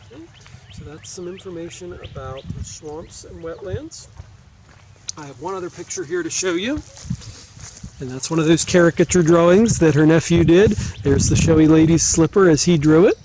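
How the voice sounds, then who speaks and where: The recording is rough, with slight background noise, capturing a slightly high, somewhat mellow male voice. He's an American teacher doing an instructive read-aloud, breaking off for explanations and asking questions to confirm his audience keeps up.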